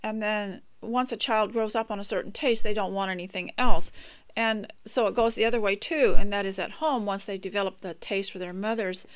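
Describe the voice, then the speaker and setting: A woman's voice: mid-range voice, fairly even intonation, a little fast, clear, resonant tone. Older woman hosting a rambling homemaking talk. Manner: rambling, gentle, with frequent restarts and asides. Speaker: homemaking radio host. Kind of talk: casual homemaking talk with poem reading.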